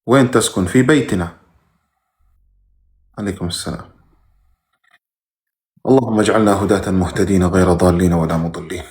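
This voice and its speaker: A man's voice: sits low, steady tone, fairly quick, long pauses, darkish tone. A man who teaches religion, reading viewers' questions aloud during a live stream and giving brief, plain answers with sudden emphatic rises.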